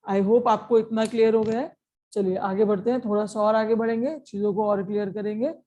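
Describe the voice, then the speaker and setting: Mellow-voiced woman teaching a grammar lesson. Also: medium pitch, steady tone, a little fast, muffled recording. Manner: explains step by step, mixing Hindi and English; keeps checking understanding with short questions. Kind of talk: online exam-prep lesson.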